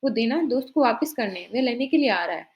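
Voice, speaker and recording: A woman's voice: on the high side, animated, fast, muffled recording, natural voice. A woman voicing a worried young man, a son anxious about lost money.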